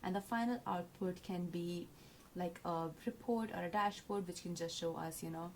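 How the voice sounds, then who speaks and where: Woman, student presenter walking through slides, earnest and halting, faint hum behind. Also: fairly low pitch. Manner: earnest, with fillers and self-corrections.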